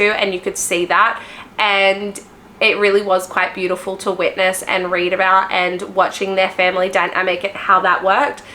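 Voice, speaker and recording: Woman vlogger rambling on excitedly, faint hiss behind her. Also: medium pitch. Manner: gushing, rambling, with frequent restarts. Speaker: book vlogger. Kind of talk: casual chat to viewers.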